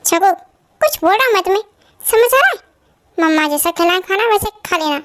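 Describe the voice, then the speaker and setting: A short-tempered young man snaps out curt commands in a fan-dubbed drama, voiced by a performer. The voice stays very high. He sounds clipped and cold. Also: expressive, a little fast, music in the background. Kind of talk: fan dub drama acting.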